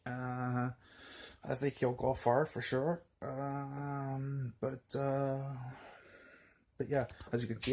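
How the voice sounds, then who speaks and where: A man vents to his camera, mid-range in pitch. He rambles, stumbles over restarts and fillers, and swears freely. The anger stays on throughout. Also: darkish tone, slight background noise. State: angry. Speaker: vlogger. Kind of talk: casual ranting vlog.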